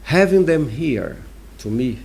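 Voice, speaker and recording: A man with a Brazilian accent answering interview questions as a diplomat, explaining deliberately and emphatically with pauses. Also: a little high, lively intonation, vocal fry, darkish tone. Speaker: ambassador giving an interview.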